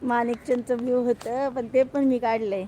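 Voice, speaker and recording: A woman with a high voice chatting on a live stream, greeting viewers one by one and teasing them. She jokes about herself in a playful way. A faint hiss sits under her voice. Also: little pitch movement, normal speed, mellow.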